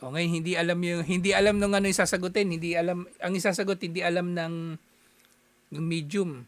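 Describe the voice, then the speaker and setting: A man from the Philippines giving a casual, animated talk, chuckling often and acting out little exchanges as he explains. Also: sits high, fairly quick, no echo.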